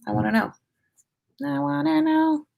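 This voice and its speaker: Her voice sits high and unhurried, with vocal fry and dull audio, as this American podcast host livestreams from her room at home. She sounds tired while rambling in a loose, playful way, slipping into sing-song asides.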